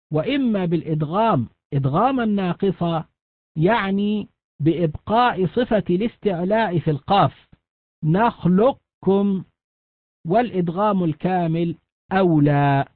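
A man giving a recorded lecture on Quran recitation rules, slowly drawing out each example word. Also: sits high, no room sound, phone-quality sound. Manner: slow deliberate recitation of examples.

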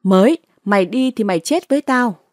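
A woman's voice: a little high, animated, fairly quick, no room sound, studio quality, natural voice. A woman narrator voicing a hot-tempered, quarrelsome male village notable. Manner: quarrelsome, shouting.

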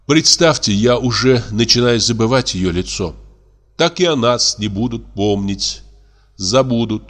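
Guy doing a sharp-tongued young woman, drawly and catty, one-man audiobook play. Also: mid-range voice, expressive, a little slow. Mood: scornful.

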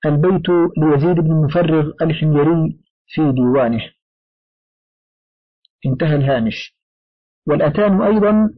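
A man reading a classical grammar book aloud as an audiobook, in a steady formal recitation that includes its footnotes. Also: a little high, no room sound. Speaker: audiobook reader. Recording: dry, dull lo-fi recording.

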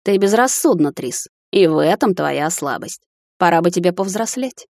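A woman voicing a cold, imperious middle-aged high witch who speaks calmly and sternly. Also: normal speed, no echo, clean studio sound, close to an everyday voice. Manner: calm, stern, commanding.

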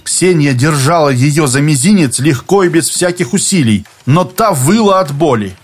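A man narrates an audiobook in a steady, even storytelling voice, pitched a little high for a man. Faint music runs softly beneath his reading. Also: normal speed, slightly rough. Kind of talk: scripted narration.

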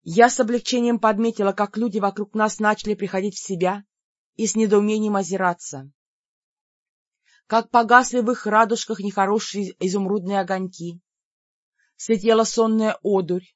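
A woman's voice: mid-range voice, steady tone, normal speed, no room sound, lo-fi sound. Woman dramatically reading a fantasy audiobook. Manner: dramatic, voices the heroine's cold commands. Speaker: audiobook reader. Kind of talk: first-person fantasy audiobook narration.

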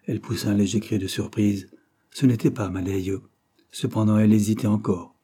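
A man reading an old adventure novel as audiobook narration, measured and steady. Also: lowish voice, breathy edge. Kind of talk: scripted narration.

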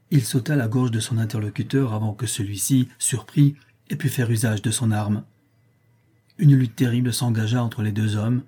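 A man narrating a story aloud in a measured, storytelling way. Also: mid-range voice, dark tone, breathy edge. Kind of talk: audiobook reading.

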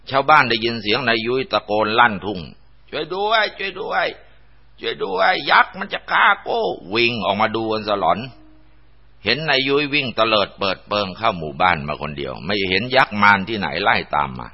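A man narrating a ghost story in a dramatic, vivid storytelling manner. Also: fairly low pitch. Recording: dull lo-fi recording.

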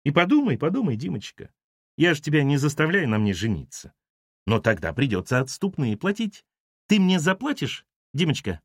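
A man's voice: a little high, sing-song, normal speed, dry recording, clean studio sound, voice pushed up. A man voicing a widow who coos endearments while making veiled threats. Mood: coaxing. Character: sweetly menacing widow, coaxing and threatening.

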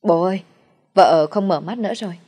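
A woman's voice: fairly low pitch, brisk, warm tone, slightly rough. A woman voicing a simple-minded, brutish young man who talks like a child. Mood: childlike, loud. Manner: childlike, calls himself by name.

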